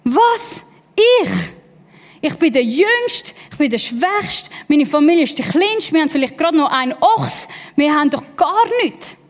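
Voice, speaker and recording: A woman's voice: sits high, expressive, normal speed. A woman acting out a frightened young man who insists he is too small and weak to lead. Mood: protesting. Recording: long hall reverb.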